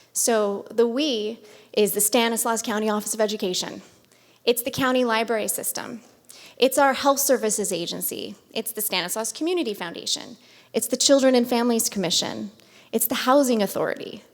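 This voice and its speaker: A woman from California giving an earnest, upbeat talk as guest speaker at a community event. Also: a little high. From Modesto, California. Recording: long reverb of a large hall.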